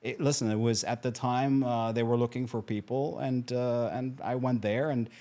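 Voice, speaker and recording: A middle-aged man from Germany chats as an interview guest. He talks at a middling pitch and often stops to restart his sentences, filling gaps with "uh" and "um". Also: fairly even intonation, moderate pace, warm tone. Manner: chatty, frequent fillers and restarts. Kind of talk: casual interview.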